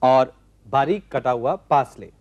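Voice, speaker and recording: A man in his forties hosting a TV cooking show, calmly explaining a recipe step by step from a studio kitchen set. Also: medium pitch, unhurried, no echo, lo-fi sound. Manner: calm step-by-step instructing. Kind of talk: cooking demonstration.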